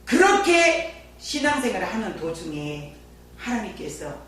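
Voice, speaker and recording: A woman's voice: mid-range voice, moderate pace, recorded from a distance. A woman pastor giving a sermon with personal testimony, telling stories and chatting with the congregation. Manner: lively storyteller who chats with the congregation. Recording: very echoey church from afar, faint hum.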